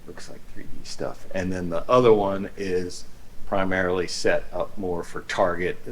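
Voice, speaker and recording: A man with a fairly low voice leads a casual tour on foot through a warehouse. He explains things informally and haltingly, with clear background noise around him. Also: level tone, low-quality recording. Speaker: company employee giving a warehouse tour. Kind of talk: casual walking tour chat. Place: large indoor warehouse, walking around.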